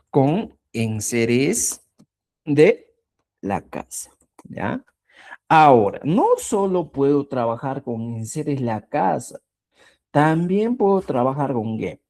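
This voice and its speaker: A male language teacher leads a live online lesson at an unhurried pace. His voice is lively and swings widely in pitch. He explains step by step and keeps pausing to ask whether the students are following. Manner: explanatory, checks understanding with frequent tag questions.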